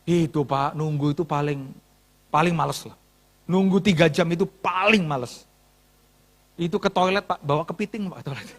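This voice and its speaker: A man's voice: on the high side, moderate pace, long pauses. A male pastor preaching with humor, acting out dialogue as he tells a story to his congregation. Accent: Indonesian. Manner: animated, acts out dialogue, jokes with congregation. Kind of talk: sermon storytelling. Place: church hall.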